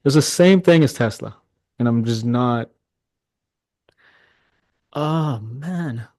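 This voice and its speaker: Middle-aged male trading mentor, live market commentary, excitable, chats with viewers, dry close sound. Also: medium pitch, moderate pace, dry recording. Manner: excitable, talks to chat, swears when frustrated.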